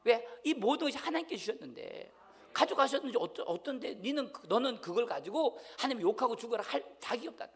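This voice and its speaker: Gravelly high-voiced preacher in a reverberant hall. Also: male voice, animated, fairly quick. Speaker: pastor. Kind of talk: sermon. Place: church sanctuary.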